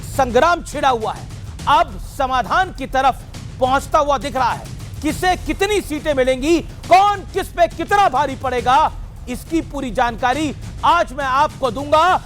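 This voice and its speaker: A man anchoring a television news debate, his voice pitched unusually high. He speaks with emphatic, rhetorical drama, and soft music runs underneath. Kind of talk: dramatic news show opening.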